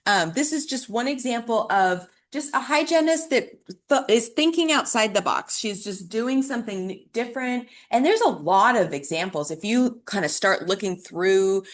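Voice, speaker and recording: A woman's voice: on the high side, animated, moderate pace, few pauses. A woman teaching dental hygiene in a conversational lecture style, with frequent fillers and restarts. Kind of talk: recorded classroom lecture.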